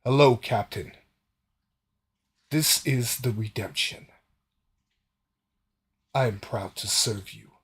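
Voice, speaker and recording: A man's voice: mid-range voice, takes it slowly, long pauses, a bit bright, breathy edge, full character voice. A man voicing a polite male ship computer AI in a tabletop roleplay, talking in a formal, helpful way.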